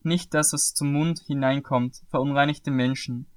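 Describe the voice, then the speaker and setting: A man reading aloud and voicing a male religious teacher who speaks calmly and with authority, in a measured, earnest way. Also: mid-range voice, clear, resonant tone, natural voice. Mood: stern. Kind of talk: scripted scripture reading.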